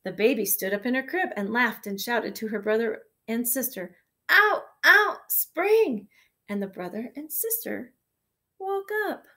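A woman kindergarten teacher reading a picture book aloud to her class, gentle and expressive, sometimes dropping to a soft whisper. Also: on the high side, normal speed, few pauses. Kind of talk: storybook read-aloud for children.

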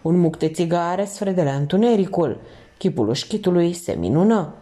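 Low, mellow woman reading a novel aloud. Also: expressive. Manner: measured reading with dramatic emphasis. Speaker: audiobook narrator. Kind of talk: live audiobook reading.

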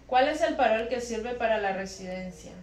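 A woman's voice: fairly high pitch, lively intonation, moderate pace. A woman co-host reading viewer questions aloud one after another, in a plain, matter-of-fact way. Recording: echoey room, voice a bit distant from the mic.

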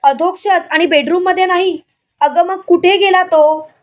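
A woman voicing a stern, sharp-tongued older matriarch who scolds and accuses. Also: extremely high pitch, steady tone, takes it slowly. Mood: scolding.

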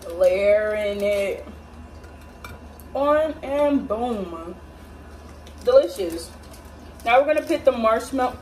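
This is a young American woman hosting a home cooking vlog, her voice on the high side as she playfully chats with viewers in slang. She's indoors in a small home kitchen. A distantly propped phone or camera picks her up, along with plenty of noisy kitchen ambience.

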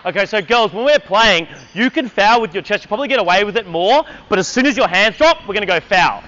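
A man's voice: sits high, expressive, quick pace, sharp tone, lo-fi sound. A man coaching a basketball clinic on an indoor court, energetically calling out drills and counting down for players.

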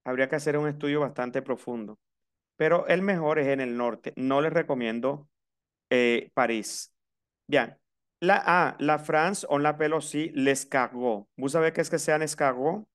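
Unhurried and clear, this man's slightly high, resonant voice carries a Colombian Caribbean coast accent as he teaches, alternating between Spanish and French and patiently saying words again for his students.

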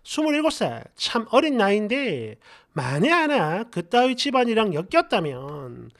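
A woman's voice: medium pitch, normal speed. A woman reading viewer comments aloud for a story channel, with brash, slangy, mocking remarks. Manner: lively, animated delivery.

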